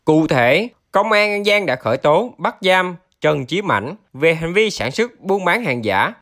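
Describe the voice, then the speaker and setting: Male news narrator, higher-pitched voice, very varied intonation, formal scripted delivery. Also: very animated, measured pace, a bit bright.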